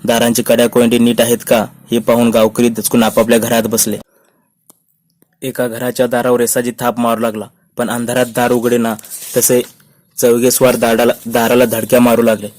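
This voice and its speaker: Man reading a novel in a monotone. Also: medium pitch, moderate pace, dry recording. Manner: steady, unvaried narration. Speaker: reader. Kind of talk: reading a historical novel aloud.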